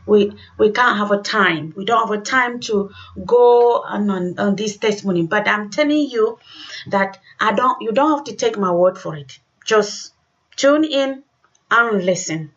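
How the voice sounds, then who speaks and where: A woman's voice: mid-range voice, measured pace, fairly bright tone. Emphatic woman radio host, dull lo-fi sound. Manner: emphatic, repeats phrases. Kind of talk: exhortatory religious radio introduction.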